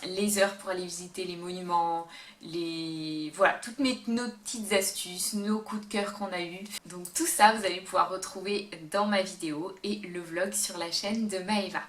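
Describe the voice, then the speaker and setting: A woman's voice: fairly low pitch, fairly even intonation, normal speed. A woman vlogger chatting to the camera in a casual, upbeat way about travel tips, often hesitating mid-sentence. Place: indoor room, talking to camera. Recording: roomy echo with faint background hum.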